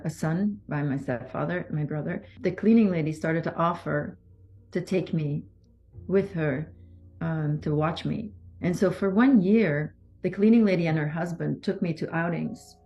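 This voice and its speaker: In this personal testimony interview, a Belgian survivor whose first language is French speaks softly in a low voice, measured and halting with pauses and restarts. The audio is dull, with soft music playing in the background.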